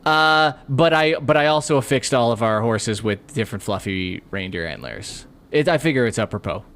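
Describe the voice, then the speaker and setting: A man co-hosting an improvised comedy podcast, narrating deadpan and rambling in halting, restarting sentences. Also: mid-range voice.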